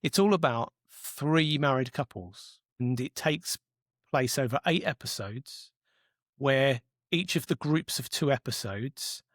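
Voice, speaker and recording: A man's voice: mid-range voice, unhurried, a bit bright, no room sound, studio quality. A man co-hosting a podcast in casual chat, enthusiastic and often repeating words as he goes. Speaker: podcast co-host.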